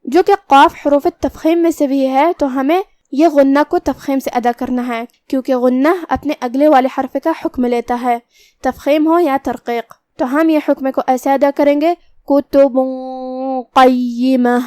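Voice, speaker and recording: A woman with a high voice teaches recitation rules, explaining each letter patiently and step by step. She slows down to demonstrate words one at a time. The recording is dry and close, with almost no room sound. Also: fairly even intonation, warm tone, dry recording. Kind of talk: tajweed lesson with slow demonstrations.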